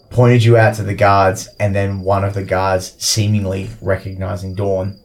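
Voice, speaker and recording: A man's voice: low-pitched, creaky, slight background noise, low-quality recording. A man narrating as game master of a tabletop game, loose and full of "like"s. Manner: loose, filler-heavy narration with many "like"s.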